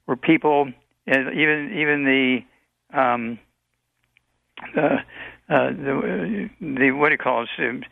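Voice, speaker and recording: A man in his eighties giving rambling, halting health advice on a call-in radio show, with many fillers. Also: medium pitch, vocal fry, dry recording, phone-quality sound. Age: 80s.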